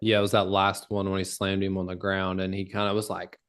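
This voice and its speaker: A man with a lowish voice chatting casually on a podcast. He talks in a loose, rambling way and swears often, then keeps going, drifting from point to point. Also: a little fast, smooth. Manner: relaxed, rambling, swears freely. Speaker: podcast co-host. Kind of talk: casual chat about fights.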